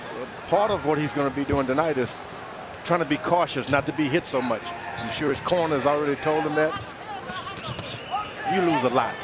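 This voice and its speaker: Colloquial male boxing analyst, slightly high voice. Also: moderate pace. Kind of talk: colloquial live sports commentary. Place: ringside in large arena. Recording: crowd and noise behind voice.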